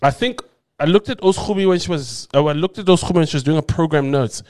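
A man's voice: on the high side, fast, a little mellow. Nasal man, rambling host. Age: 30s. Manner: playful, rambling with restarts. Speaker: podcast host. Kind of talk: casual podcast chat.

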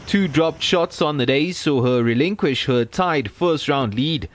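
A man reading scripted sports highlights narration as a voice-over. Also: lively intonation, a little slow, dry recording.

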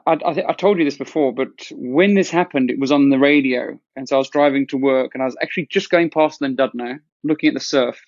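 A man's voice: medium pitch, dry recording, dull audio. A man interviewing a guest, talking casually and reflectively with small restarts. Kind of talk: casual chat.

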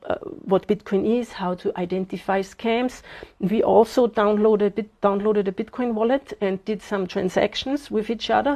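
A woman in her fifties, from Austria, talks through an interview with earnest, steady thought, pausing on fillers as she goes. Her voice has a mellow, darker tone, set at an ordinary pitch for a woman. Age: 50s. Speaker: guest, bitcoin advocate. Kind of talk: casual interview talk.

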